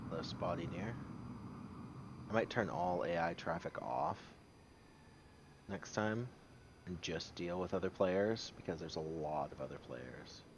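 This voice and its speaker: Low-voiced man casually narrating a flight game. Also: unhurried, long pauses. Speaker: flight simulator streamer. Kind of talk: casual gameplay commentary. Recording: dull audio, cockpit engine noise.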